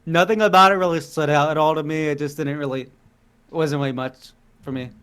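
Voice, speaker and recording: A man's voice: fairly high pitch, steady tone, a little fast, over a noisy crowd. A man co-hosting a podcast in casual chat, hesitant and repeating himself. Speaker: podcast co-host.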